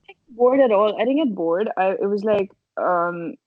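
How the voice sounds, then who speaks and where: A woman's voice: mid-range voice, animated, normal speed, no echo. A woman chatting casually as a podcast guest, informal and hesitant as she explains herself. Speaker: podcast guest, social media video creator. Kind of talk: casual chat. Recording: dry, slightly dull audio.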